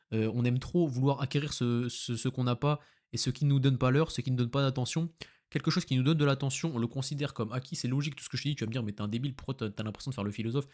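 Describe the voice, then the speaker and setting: A man's voice: mid-range voice, darkish tone. A young man from France rambling in a casual monologue, slangy and full of fillers. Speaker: content creator.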